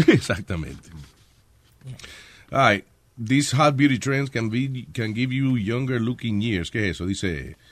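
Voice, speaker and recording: A man's voice: mid-range voice, slow pace, pauses often. A man hosting a casual talk show, joking and mixing with English. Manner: joking, mixes Spanish and English, lively. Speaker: host.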